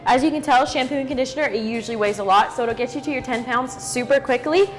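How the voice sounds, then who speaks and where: A teenage girl announcing on a school news show in a brisk, informative way. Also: high voice, soft background music, poor audio. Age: teens. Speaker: student announcer.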